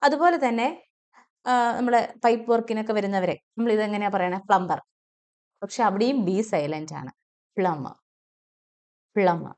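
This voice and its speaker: A woman with a Malayali accent teaching English pronunciation, repeating each word slowly and deliberately. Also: mid-range voice, darkish tone. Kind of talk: pronunciation lesson.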